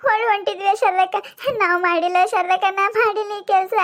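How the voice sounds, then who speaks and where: A woman's voice: very high-pitched, fairly even intonation, a little fast. A woman voicing a village woman with a North Karnataka accent who pleads she is innocent in a cartoon comedy. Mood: pleading. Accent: North Karnataka Kannada. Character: flustered village woman wrongly blamed, pleading.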